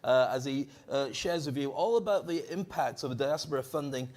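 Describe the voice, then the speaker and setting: A man speaks at a normal speed in a mid-range voice while hosting a conference stage and coaching people on public speaking. He uses a handheld microphone, joking, staying animated and firing up the audience in an energetic presentation.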